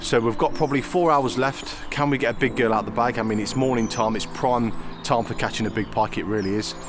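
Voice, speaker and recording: This fisherman has a mid-range voice and speaks fairly quickly against background noise. He's casually narrating his trip from a fenland drain bank for a vlog, relaxed and talkative, and keeps repeating "it really does."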